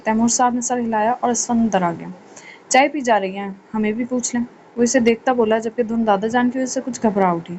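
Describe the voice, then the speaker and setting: A woman's voice: fairly high pitch, a little mellow, slight background noise. Woman reading a romance novel aloud. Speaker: audio novel reader. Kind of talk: scripted narration.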